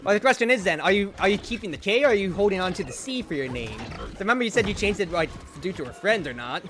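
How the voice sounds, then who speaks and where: A man streaming a game, chatting casually and rambling, with loud outbursts when the play gets exciting. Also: high voice, quick pace, over music. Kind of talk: casual gameplay commentary.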